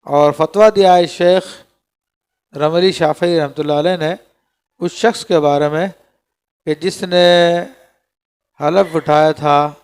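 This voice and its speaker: A man's voice: on the high side, steady tone, long pauses, darkish tone, smooth. A man teaching a class on Islamic law, reading Arabic passages aloud and explaining each line, often checking with his students. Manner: reads Arabic text aloud then explains it, often checks "theek hai?". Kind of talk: classroom lecture on a legal text.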